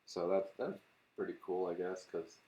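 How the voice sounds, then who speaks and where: A man's voice: deep voice, fairly even intonation, moderate pace, mellow, lo-fi sound, slight background noise. A young man co-hosting a podcast, chatting casually and reading out facts with lots of fillers and the odd swear. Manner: laid-back, reads car facts with fillers and swearing. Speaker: podcast co-host. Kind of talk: casual chat.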